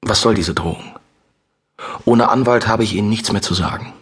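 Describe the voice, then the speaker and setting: A man voicing a worn-out suspect facing interrogators, short and guarded in every reply. The voice is low and husky, in an audiobook thriller. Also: normal speed. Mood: defiant. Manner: terse, defiant, weary. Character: exhausted man under police interrogation, defiant and guarded.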